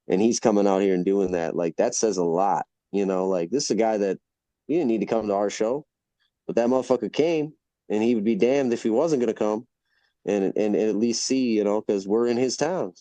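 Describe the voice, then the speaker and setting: A man's voice: lowish voice, mellow, no room sound. A man hosting a casual podcast, telling stories in a rambling, profane, emphatic way. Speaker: podcast host.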